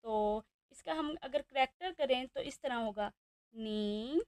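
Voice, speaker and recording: A woman teacher with a Pakistani Urdu accent leads a beginner lesson in a high voice. She says each word slowly and repeats it several times. The sound is dry and close, with no room echo. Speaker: Chinese language teacher.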